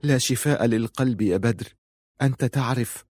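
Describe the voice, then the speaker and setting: A man voicing a grieving mother, soft and hurried. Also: mid-range voice, dry recording, clean studio sound, natural voice. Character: grieving woman, a mother whose son was killed.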